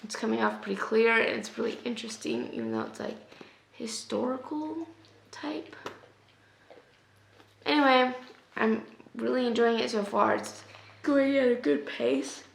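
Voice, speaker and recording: A young woman chatting casually in a reading vlog, sick and losing her voice, often dropping to a soft half-whisper. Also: on the high side, very animated, unhurried, creaky, pauses often, roomy sound, slight background noise. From US West Coast. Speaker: book vlogger. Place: at home.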